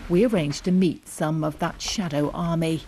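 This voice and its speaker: A woman's voice: low voice, moderate pace, noisy background. A woman narrating a scripted news report as a correspondent.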